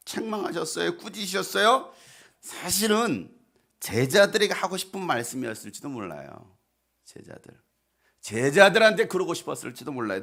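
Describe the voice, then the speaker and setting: A male pastor preaching a sermon in an emphatic style, swinging between loud outbursts and soft, hushed asides. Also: a little high, gravelly.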